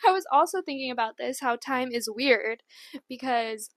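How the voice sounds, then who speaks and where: A woman's voice: on the high side, moderate pace, no room sound. A woman in her twenties co-hosting a podcast in casual, giggly chat. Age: 20s. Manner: giggly, chatty, upbeat. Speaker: podcast co-host.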